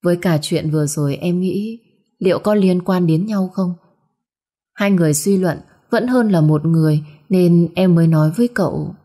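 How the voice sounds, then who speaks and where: A woman voicing a gentle, earnest young wife in a storybook. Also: fairly low pitch, normal speed, natural voice.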